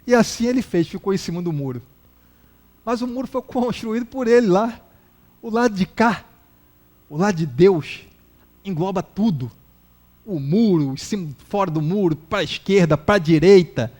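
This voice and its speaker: A man with a Brazilian accent giving a public lecture at a spiritist center, an animated storyteller who acts out the characters. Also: sits high, normal speed, long pauses. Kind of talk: public lecture with humorous anecdotes.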